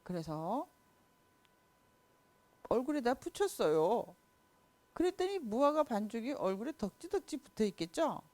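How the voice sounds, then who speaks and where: A woman's voice: a little high, very animated, measured pace, long pauses, a little mellow. A woman teaching a children's Sunday school class, telling a Bible story expressively and speaking directly to the children.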